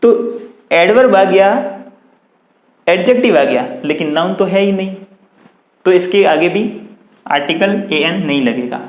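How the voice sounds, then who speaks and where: A man with a fairly high voice and a Hindi accent teaches a grammar lesson, repeating points patiently and spelling out example sentences slowly. He is recorded in an echoey room. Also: lively intonation. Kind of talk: classroom-style grammar lesson.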